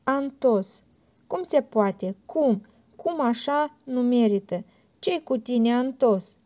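A woman's voice: on the high side, expressive, mellow, close to an everyday voice. A woman reading the part of a stern, grieving elderly mother who presses with repeated questions, on a dull lo-fi recording. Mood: insistent.

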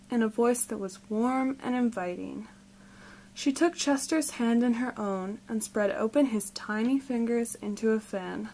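A woman reading a children's storybook aloud in a gentle, expressive way. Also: fairly high pitch, a little hiss or hum, poor audio. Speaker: storybook reader.

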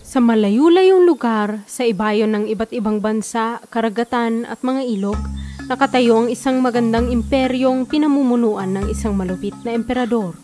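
A woman's voice: on the high side, moderate pace, dark tone, faint music behind. A woman giving scripted narration for a children's folk tale.

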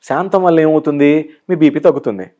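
Fast-talking animated Telugu motivational speaker. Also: male voice, a little high, lo-fi sound. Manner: animated storyteller who plays out the scenes he describes. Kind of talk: guest in an interview.

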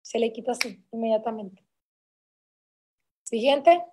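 Woman, high voice, conference motivational speaker, emphatic and driving. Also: normal speed, darkish tone, slight background noise. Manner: emphatic and repetitive, building intensity. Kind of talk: motivational talk to a sales team.

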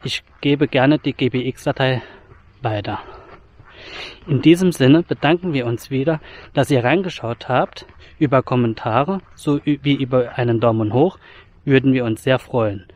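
A man's voice: mid-range voice, a little slow, darkish tone, a little hiss or hum. Man talking to camera on a hike. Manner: friendly, plain and matter-of-fact. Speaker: hiking vlogger. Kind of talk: casual vlog to camera. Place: outdoors on open farmland trail. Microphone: action camera held at arm's length.

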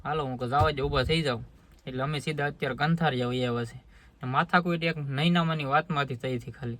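Earnest village farmer, slightly high voice. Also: male voice, a bit bright. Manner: earnest, talks in a homely village way. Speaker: farmer vlogger. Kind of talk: casual vlog talk to camera. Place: outdoors on a farm. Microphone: phone held by the speaker.

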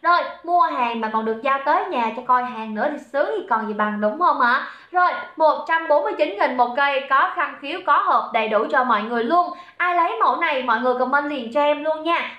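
A woman's voice: high-pitched, a little fast, few pauses, bright, forceful tone. A young woman selling on a livestream, chatty and teasing as she reads out viewer comments. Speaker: livestream seller. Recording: echoey room, dull lo-fi sound.

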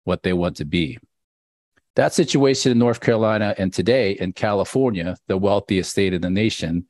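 Deep-voiced man, earnest webinar host. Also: a little mellow, no room sound, studio quality. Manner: earnest, measured, slight fillers. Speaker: professor, co-host. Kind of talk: prepared webinar opening speech. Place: indoors on video call. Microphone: headset on video call.

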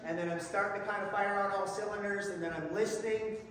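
A man's voice: high-pitched, fairly even intonation, fast, a bit bright. A middle-aged man giving a folksy, self-deprecating sermon, repeating words as he goes, from a church hall. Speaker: lay preacher. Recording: echoey hall, voice from far off, noisy.

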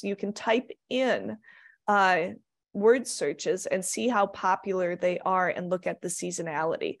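A woman from Minnesota giving a practical slide lecture as an extension economist, plainspoken with light asides, speaking into a computer mic. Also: mid-range voice. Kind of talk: recorded slide presentation.

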